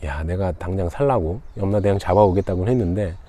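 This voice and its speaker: A man's voice: deep voice, fast, warm tone. A man voicing a despairing doomed officer. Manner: despairing, pleading. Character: frightened male officer facing death, pleading.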